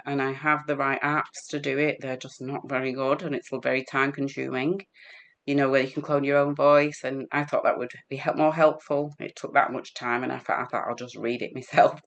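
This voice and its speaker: A woman with an English accent, a healer guest in an interview, chatting and telling stories quickly, laughing as she goes. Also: very deep voice, fairly bright tone. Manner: quick-talking. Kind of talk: casual interview storytelling.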